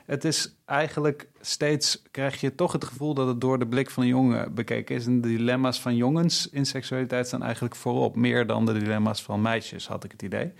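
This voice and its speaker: A man, a guest theatre critic who speaks in thoughtful, measured turns. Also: medium pitch, little pitch movement, gravelly. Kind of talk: conversational theatre review talk.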